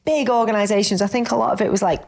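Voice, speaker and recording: A middle-aged woman chats about coaching clients. She talks in an animated, familiar way, often calling people babe. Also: medium pitch, rapid-fire, creaky. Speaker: business coach. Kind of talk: casual podcast chat.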